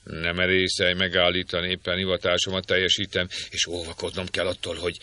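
Blustering nobleman in monk's disguise, as a male narrator plays him, gruff and hurried. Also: low voice, monotone, bright, forceful tone. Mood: impatient.

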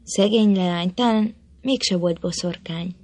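A woman's voice: mid-range voice, fairly even intonation, a little mellow, natural voice. A woman voicing a stern male warrior chieftain in a storybook reading, commanding and declamatory.

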